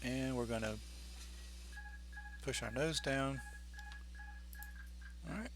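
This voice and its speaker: A man with a mid-range voice talks slowly over a noisy background. Playing the pilot in a flight simulator game, he offers casual commentary, thinking aloud informally as he flies.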